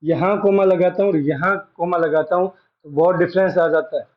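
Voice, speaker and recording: A man teaching a reasoning class as a lecture, explaining slowly and repeating each phrase. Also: high voice, fairly even intonation, narrow, tinny audio.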